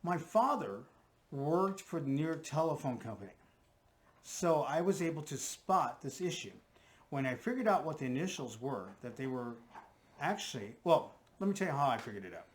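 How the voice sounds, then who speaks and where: A guest profiler talks through his theory in casual conversation, often checking in with "right?" and "okay?". His voice is fairly high and very animated, at a normal speed.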